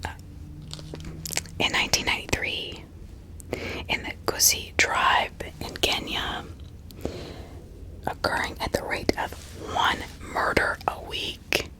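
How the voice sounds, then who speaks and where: In a breathy whisper, a woman hosts a true crime ASMR narration, often stopping mid-sentence to slip in little asides to the listener. The recording quality is low.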